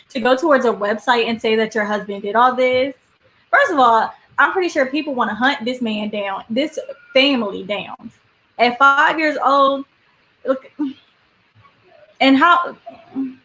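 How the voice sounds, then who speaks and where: A fired-up woman co-host on a casual panel chat, speaking bluntly with lots of slang. Her voice sits a little high. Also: a bit bright, rough recording. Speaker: podcast co-host.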